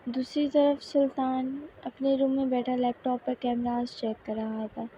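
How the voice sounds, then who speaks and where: Woman, reading a novel aloud, slightly high pitch, steady even delivery, dull lo-fi sound. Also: moderate pace, a little hiss or hum. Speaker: novel reader. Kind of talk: scripted narration of a romance novel.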